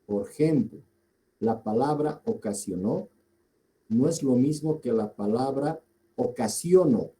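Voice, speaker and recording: Male lecturer, Bolivian Spanish accent, very unhurried delivery, dark warm tone; deliberate, repeats for emphasis. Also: mid-range voice, animated, rough recording. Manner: deliberate, repeats key words, asks the class questions. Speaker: teacher. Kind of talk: slow classroom lecture.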